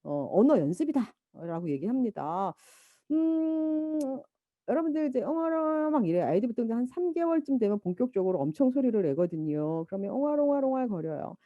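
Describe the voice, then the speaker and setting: A woman's voice: medium pitch, brisk, no echo. Woman teaching a class, voice jumps around a lot, dull lo-fi recording. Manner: lively, imitates baby babble and mothers' talk. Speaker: lecturer. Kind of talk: university lecture.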